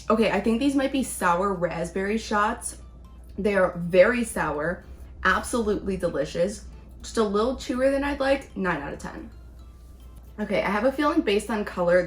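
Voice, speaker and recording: A woman's voice: mid-range voice, a little fast, faint music behind. A woman chatting casually as she reviews things in a taste-test vlog. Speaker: vlog host, candy reviewer.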